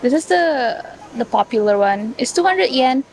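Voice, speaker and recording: Chatty higher-voiced woman vlogging. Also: expressive, moderate pace, background noise. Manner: chatty, lots of "like" fillers. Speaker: travel vlogger. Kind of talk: casual vlog chat. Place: outdoors on city streets and in shops. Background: background music.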